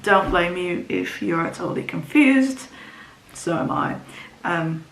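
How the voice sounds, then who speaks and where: A young woman, a book vlogger whose first language is Dutch, rambles in casual book chat to camera with lots of ums and restarts. Her voice is lowish, with lively intonation and a slow pace. The recording carries a roomy echo and faint ambience.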